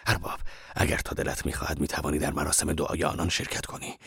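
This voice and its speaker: A man voicing a fierce, quick-tempered old laborer who talks in a low, blunt growl. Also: little pitch movement, creaky, a bit bright, breathy edge, no echo, studio quality, heavily acted. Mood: gruff.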